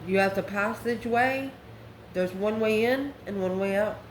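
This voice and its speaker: Speaking at a moderate pace in a mid-range voice, this woman offers an off-the-cuff tarot reading addressed directly to the viewer. Her delivery is chatty and exclamatory. The room echoes, and there's a faint hum of background noise.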